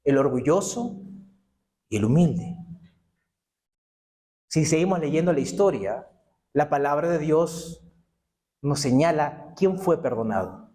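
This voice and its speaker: High, lively male pastor preaching. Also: slow pace, pauses often. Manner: preaching with rhetorical questions he answers himself. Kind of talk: sermon.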